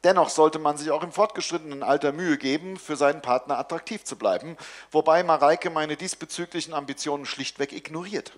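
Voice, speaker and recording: A man in his forties giving a comic live reading of his own novel, narrating in a dry, deadpan first person. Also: on the high side, fairly quick. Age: 40s.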